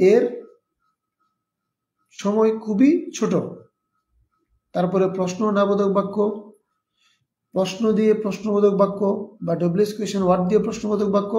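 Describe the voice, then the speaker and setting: Male English teacher, high and mellow, explaining and repeating examples on a live class. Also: roomy sound. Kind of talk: live online lesson.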